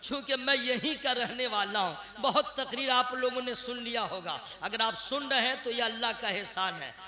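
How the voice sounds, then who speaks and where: A man preaching a sermon to a large gathering, switching between shouted, chant-like refrains and chatty, joking asides with the crowd. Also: extremely high pitch, moderate pace. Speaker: Islamic preacher. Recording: echoey PA sound.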